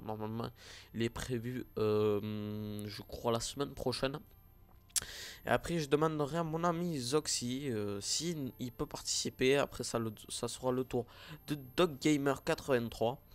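A man's voice: mid-range voice, clean tone. A man with a regional accent, a gaming YouTuber, talking casually to his viewers with many fillers and restarts. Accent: French-speaking regional accent. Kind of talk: casual vlog talk to viewers.

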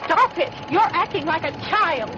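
A woman's voice: expressive, normal speed, very noisy. An actress playing a frightened young woman who scolds her teasing companion. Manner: shrill, scolding. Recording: film clip over loud music.

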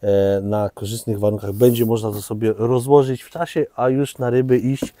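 A Polish-accented man runs a relaxed shop video, chatting through gear with jokes and plenty of fillers. His voice sits mellow and dark. The sound is dry and close. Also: lowish voice, normal speed, no room sound. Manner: chatty, joking, loose with fillers. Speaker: fishing shop host. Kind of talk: casual product presentation.

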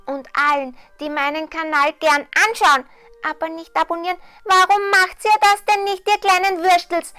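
Someone doing a teasing little cartoon tomcat, lilt, super high and sparkly, babbles on. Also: little pitch movement, normal speed. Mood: playful. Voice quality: high, bright cat voice. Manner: chattery, teasing, bouncy. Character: cheeky cartoon tomcat host, playful.

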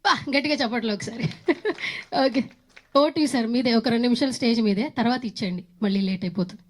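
Perky fast-talking woman anchor. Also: fairly high pitch. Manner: perky, quick patter. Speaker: event anchor. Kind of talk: stage announcing. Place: stage event.

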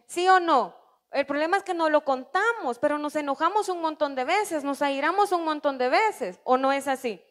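Mujer predicadora de voz aguda, fervorosa. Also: female voice, high voice, normal speed. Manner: earnest, questions the congregation, acts out prayers. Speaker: preacher. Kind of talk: sermon. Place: church.

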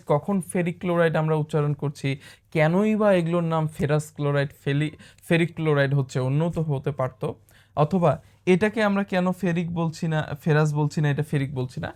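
A man with a Bangladeshi Bengali accent teaches a chemistry class for an admission exam. He asks the students questions and repeats key terms slowly. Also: a little high, a little mellow.

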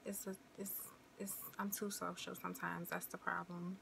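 Young woman, twenties, from the Midwest, casual vlog chat, rambling, low gravelly voice. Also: flat delivery, normal speed, pushed and bright, a little hiss or hum. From American Midwest. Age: 20s. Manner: chatty, rambling, uses y'all and you know. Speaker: vlogger.

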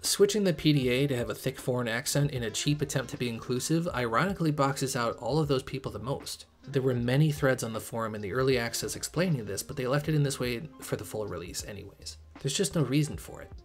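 A man's voice: mid-range voice, fast talker, hardly any pauses. A young man narrating a scripted game review video essay in a critical, emphatic way. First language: English. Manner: critical, emphatic, occasionally sarcastic.

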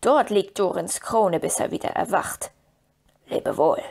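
A woman reading an audiobook, voicing a gruff, grieving male dwarf warrior in a lowered, slower voice. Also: darkish tone. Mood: solemn.

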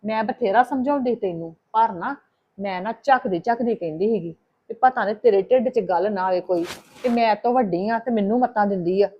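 A woman's voice: mid-range voice, fairly quick, lo-fi sound. A woman playing a visiting sister in a scripted family drama, talking in an earnest, advising way.

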